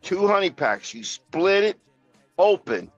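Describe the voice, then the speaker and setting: High slow-talking man on a stream. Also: very animated, no room sound. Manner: drawn-out storytelling, laughs. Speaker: stream guest. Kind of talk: casual livestream banter. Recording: dry dull lo-fi mic, music behind.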